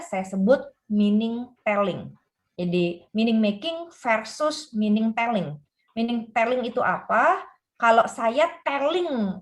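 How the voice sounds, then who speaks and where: Woman explaining parenting ideas. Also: fairly high pitch. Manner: explains with frequent "gitu ya" tags and quoted examples. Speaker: parenting book author, guest. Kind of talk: explanatory interview talk.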